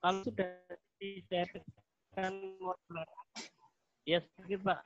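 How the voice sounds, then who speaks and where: A man asking questions in an online video meeting, his audio breaking up and cutting out, speaking in halting fragments. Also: sits high, little pitch movement, highs cut off. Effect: choppy, breaking-up video call audio. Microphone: video call.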